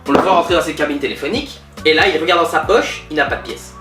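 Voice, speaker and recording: A man's voice: on the high side, fast, natural voice. A man playing a pompous, bragging billionaire in a comedy sketch interview. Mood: boastful. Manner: bragging, self-satisfied, lively storytelling. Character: boastful, pompous male billionaire entrepreneur. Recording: roomy, distant mic, faint music.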